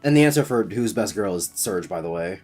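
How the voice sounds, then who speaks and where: A young man streams a video game with sardonic, profane commentary. His pitch moves around a lot and his voice is a little husky, over faint game music. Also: expressive, fairly quick, darkish tone. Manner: sardonic, exasperated griping. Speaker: gaming streamer.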